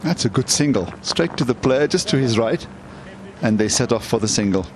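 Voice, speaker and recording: Lively-pitched male cricket commentator. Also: normal speed, crowd noise, rough recording. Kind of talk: live sports commentary.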